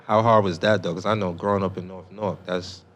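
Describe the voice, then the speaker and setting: A man's voice: low voice, steady tone, a little fast, a bit bright. A man co-hosting a casual podcast, adding laid-back, reflective comments. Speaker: podcast co-host. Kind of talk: casual interview chat.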